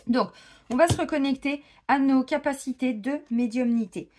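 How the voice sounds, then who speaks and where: A woman's voice: sits high, moderate pace, darkish tone, a little hiss or hum. Chatty French-speaking woman reading cards. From France. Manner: chatty, informal, lots of fillers and asides. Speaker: tarot card reader. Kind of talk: casual spiritual guidance talk.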